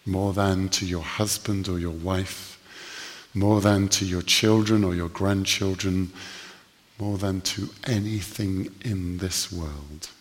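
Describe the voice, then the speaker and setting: Slow, deep-voiced male preacher in a hall. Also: steady tone. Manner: earnest storytelling with slow emphatic pauses. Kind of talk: sermon.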